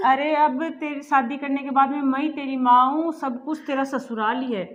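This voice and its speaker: A woman's voice: high-pitched, fairly even intonation, normal speed. An actress playing a caring, motherly mother-in-law who soothes and fusses in a family drama. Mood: consoling. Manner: soothing and fussing. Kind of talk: amateur family short-film acting. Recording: dull lo-fi audio, soft music.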